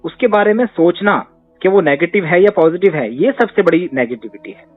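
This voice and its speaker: Over tinny phone-line audio with faint music behind him, a man with a high, animated voice speaks at normal speed. Playing a therapist in a conversational Q&A, he gives advice and drives his points home with emphatic rhetorical questions.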